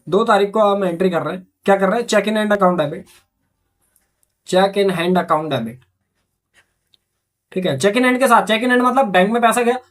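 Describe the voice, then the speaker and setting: A man with a high, slightly bright voice teaches accountancy, going through journal entries step by step. He's repetitive, poses questions and answers them himself, and says "theek hai" often.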